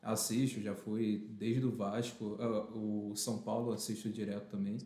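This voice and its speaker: A man's voice: on the low side, little pitch movement, normal speed, warm tone, reverberant. A man, the podcast host, chatting casually with short agreeing replies.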